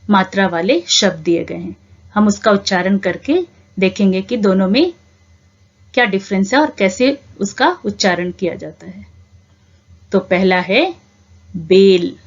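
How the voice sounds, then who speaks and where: Slow, patient woman teaching young children. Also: mid-range voice. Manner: patient, drawn-out words, asks questions and answers them herself. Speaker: primary school teacher. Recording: dull lo-fi home recording.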